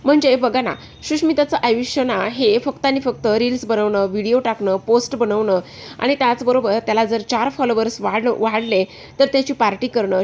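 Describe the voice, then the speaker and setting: A woman's voice: a little high, a little mellow. A woman voicing a young married elder sister who scolds and pleads in a retold serial story, in her own voice. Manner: lecturing, pleading.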